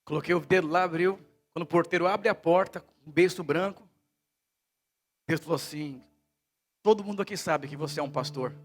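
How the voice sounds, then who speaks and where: A male pastor from Brazil preaching a sermon in a church service, telling stories and swinging between hushed and loud delivery. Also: a little high, a little fast, pauses often.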